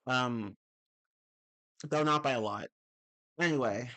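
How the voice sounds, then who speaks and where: Still a little off from a cold, a young man's mid-range voice comes through slow and sharp-toned. He's on a live stream, casually going through chat messages and responding, rambling along, correcting himself and dropping the odd swear word.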